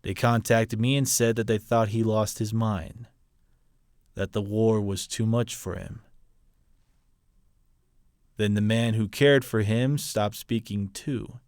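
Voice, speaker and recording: A man playing a hardened, ruthless military officer, a colonel delivering a grave, deliberate dramatic film monologue. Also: fairly low pitch, fairly even intonation, darkish tone, no room sound, studio quality. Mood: grave, explanatory. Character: hardened, ruthless military colonel justifying his brutal mission.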